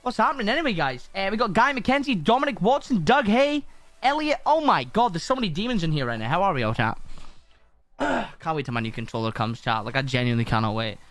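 A man's voice: sits high, big pitch swings, a little fast, a bit bright, dry recording. A man chatting casually to his viewers on a live stream, swearing often and greeting people by name.

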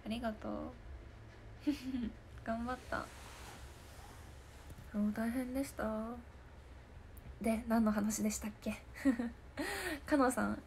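Woman, 20s, idol stream host; casual, giggly chat, slightly high voice, faint background hum. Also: slow, long pauses, darkish tone. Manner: giggly and chatty, often laughing. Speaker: idol hosting a live stream talk show. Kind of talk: casual chat answering viewer comments.

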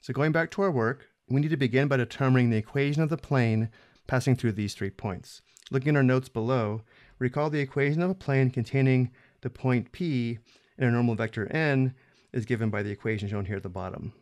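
A man explaining a math problem step by step in a screencast lesson, steady and methodical. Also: mid-range voice, fairly quick, no echo, studio quality. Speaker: math instructor.

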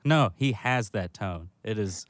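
A man's voice: fairly low pitch, animated, a little slow, no echo, studio quality. A man who is a guest on a casual podcast and gives his opinions in an assertive, slangy way. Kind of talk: casual chat.

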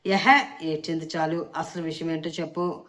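A woman's voice: low-pitched, level tone, moderate pace, a bit bright, pitched below the performer's own voice. A woman voicing a brash, blunt young boss in a spoken storybook. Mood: angry.

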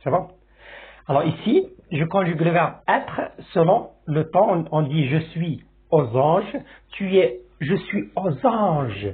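A man with a Moroccan accent teaching a French lesson, explaining slowly and repeating examples, often checking that his listeners follow. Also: fairly high pitch. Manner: slow, repetitive classroom explaining with checks like "c'est bon?". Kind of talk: language lesson. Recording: tinny phone-like sound.

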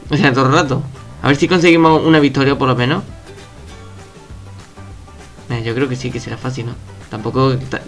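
A young man giving casual, excitable commentary over his own gameplay at home, swearing and shouting at opponents. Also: mid-range voice. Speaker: gaming youtuber.

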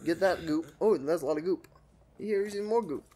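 A man's voice: high voice, brisk, warm tone. A man co-hosting a let's play in casual commentary, laid-back as he guides the play. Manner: laid-back, gives game directions.

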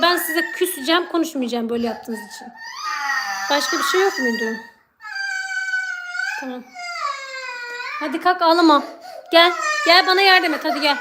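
A woman filming a home vlog, coaxing and soothing her crying children while talking to viewers. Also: sits high. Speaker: mother and channel host. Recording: loud background noise.

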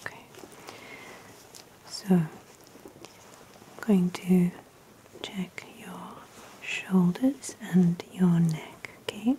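A woman whispering gentle, reassuring instructions in a slow ASMR massage roleplay. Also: on the low side, slight background noise, rough recording. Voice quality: whispering, soft and soothing.

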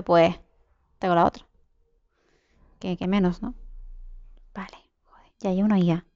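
A woman's voice: medium pitch, clean tone, dry recording, lo-fi sound. A young woman with a Spain Spanish accent giving casual gameplay commentary, chatting to herself and her viewers, with sudden shrieks and swearing. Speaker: gameplay streamer.

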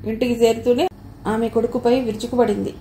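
Woman, audiobook narrator, steady storytelling, roomy echo, faint hiss. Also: a little high, brisk. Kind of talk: Telugu audio novel reading. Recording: echoey room with faint noise.

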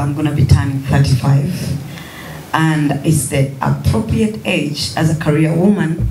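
A woman in her thirties answering questions at a press conference in a measured, gentle way. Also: low voice. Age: 30s. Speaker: guest artist at press conference. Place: large room at a press table. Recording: echoey room, faint noise.

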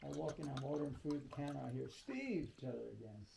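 A man's voice: mid-range voice, very animated, fast talker, creaky. A man at an outdoor trail shelter telling a rambling story in casual conversation. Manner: rambling anecdote teller. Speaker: fellow hiker at a shelter. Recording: loud outdoor noise, heard from off camera.

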